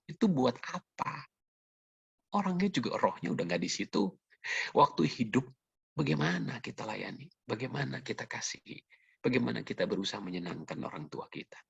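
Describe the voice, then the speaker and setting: A man's voice: on the low side, gravelly, slightly rough, dry recording. A middle-aged male pastor from Indonesia preaching a sermon over a video call, earnest and conversational, with frequent asides to the congregation. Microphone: computer or video call mic. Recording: dull lo-fi video call audio.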